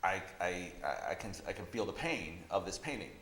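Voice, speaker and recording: In a laid-back interview, a male visual artist muses about his work, frequently saying "you know." He sounds low-pitched yet a bit bright, very animated, and speaks at a normal speed. Faint background noise and a roomy echo surround him.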